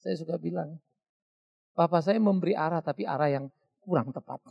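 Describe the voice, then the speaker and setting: A middle-aged male pastor, preaching a sermon in a lively storytelling way, mimicking voices and laughing at his own stories. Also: on the high side, moderate pace, creaky, muffled recording.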